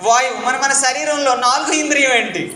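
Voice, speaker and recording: A spiritual teacher lectures interactively to a live audience, quizzing them, pushing them to answer loudly and repeating key points like a chant. His voice is extremely high-pitched and quick. The room echoes and a little hiss or hum is audible.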